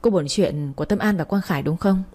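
A woman reading the part of a kind young man who coaxes and pleads gently, in an audiobook. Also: lowish voice, brisk, lightly acted. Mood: concerned. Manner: coaxing, pleading.

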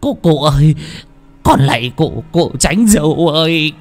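A man's voice: lowish voice, very animated, drawn-out words, darkish tone, husky, faint music behind, full character voice. A man voicing a terrified old village landlord who stammers and begs. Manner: stammering, begging, breathless.

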